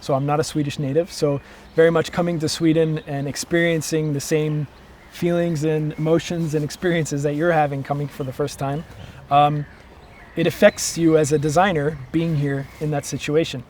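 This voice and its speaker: An American man, a car designer, explaining his design ideas in a relaxed, thoughtful way with frequent ums. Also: on the high side, normal speed, slight background noise. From United States. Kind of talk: explanatory interview talk.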